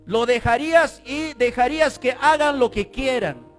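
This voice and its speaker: A male pastor preaching a fervent sermon, breaking into shouts and calling on the congregation to repeat words after him. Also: very high-pitched, moderate pace, faint music behind.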